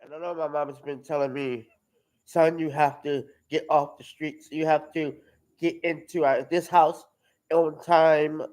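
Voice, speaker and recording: A young man in his twenties speaks in a high voice, slowly and haltingly, often repeating and restarting his words. He delivers a personal testimony at a live-streamed outreach. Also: flat delivery, a little mellow, low-quality recording. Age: 20s.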